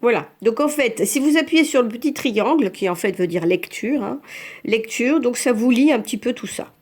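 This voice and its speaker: A woman's voice: fairly high pitch, animated, a little mellow. A woman teaching French learners, patiently talking through each step of using a phone app. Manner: slow, patient, narrates each tap aloud. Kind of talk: screen-by-screen app tutorial for learners.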